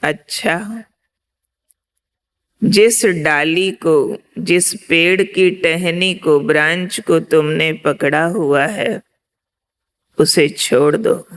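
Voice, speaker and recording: The voice of God from above, calm and probing, as a woman storyteller puts it on. It moves very slowly and sounds smooth and clear. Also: low-pitched. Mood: calm testing. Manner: measured, questioning.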